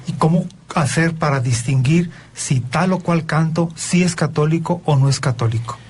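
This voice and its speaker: A man with a Mexican Spanish accent, a priest hosting a radio talk show, speaking in an earnest, preachy, animated way. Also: fairly high pitch, moderate pace, slight background noise.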